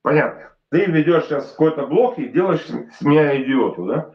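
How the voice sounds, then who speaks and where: A man's voice: a little high, lively intonation, brisk, muffled recording. A man from Transnistria, drunk, arguing on a call in a rambling, insistent way and cursing. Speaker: caller. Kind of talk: heated phone argument.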